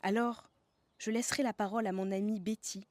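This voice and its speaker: A woman's voice: mid-range voice, fairly even intonation, brisk, no room sound. A woman from the south of France, narrating a scripted podcast as host in a playful way, savouring slang words.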